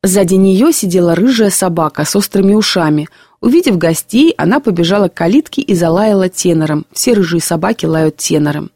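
A woman narrating classic prose in a measured, expressive storybook reading. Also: fairly low pitch, no echo, clean studio sound.

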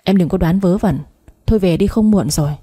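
Woman doing a young guy hushing his lover, cautious, scolding, warm husky tone. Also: lowish voice, fairly quick. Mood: hushed scolding. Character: young man, cautious and irritable.

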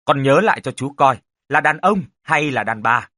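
Man voicing a gruff older folk exorcist, commanding, grave, lively delivery, husky edge. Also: medium pitch, normal speed, no echo, clean studio sound. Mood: stern. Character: stern old rural spirit-expert uncle.

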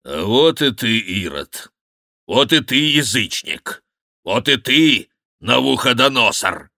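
A man's voice: low-pitched, lively intonation, slow pace, bright, forceful tone, no room sound, studio quality, full character voice. A man voicing a fat, brazen monk who bellows and mocks, preaching with scorn in an audiobook reading. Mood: scornful.

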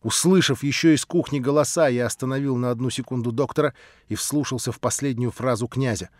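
A man narrating a classic novel as an audiobook, measured and steady. His voice sits at a middling pitch. The sound is dry and close. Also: no echo. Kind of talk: scripted literary narration.

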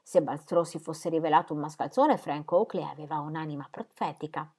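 A young adult woman reading a novel aloud at a steady, measured pace. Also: sits low, breathy edge. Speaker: audiobook reader.

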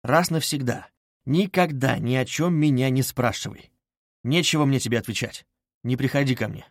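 A brooding young man speaks in low, halting phrases, grim and curt, as a man narrating puts him on. The voice stays muted and heavy. It is a dry, close audiobook reading. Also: dry recording, lightly acted.

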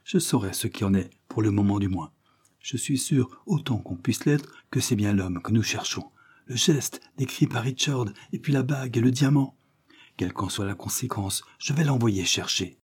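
Anxious hurried wife, urgent and pleading, higher tone, as a male narrator puts her on, husky edge. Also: a little mellow.

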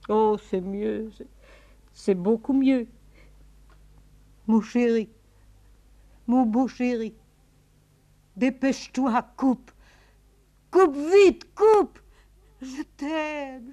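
An actress in a 1950s radio drama, playing a desperate woman pleading with her departing lover on the telephone, trembling and swinging from hushed to frantic. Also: fairly low pitch, fairly even intonation, takes it slowly, pauses often.

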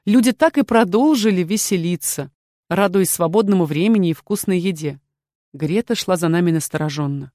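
A woman narrating a first-person novel in an even, measured way. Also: lowish voice, dry recording, clean studio sound. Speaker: audiobook narrator.

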